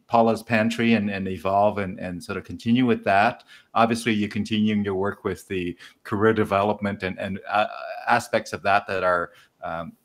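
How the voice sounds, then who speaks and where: Low-voiced host from Vietnam. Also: male voice. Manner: hesitant, many "uh" fillers, friendly questions. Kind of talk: casual interview.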